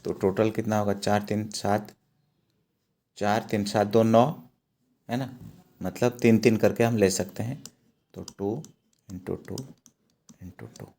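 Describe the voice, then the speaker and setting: A man's voice: on the low side, steady tone, creaky, dark tone. A man teaching a math lesson, going step by step and checking in with his students as he works. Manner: slow, repeats steps and checks in with "है ना".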